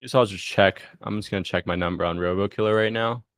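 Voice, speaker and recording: A man casually walking through a software demo on a live screen share, thinking aloud as he clicks and punctuating steps with "boom". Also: quick pace, dry recording, studio quality.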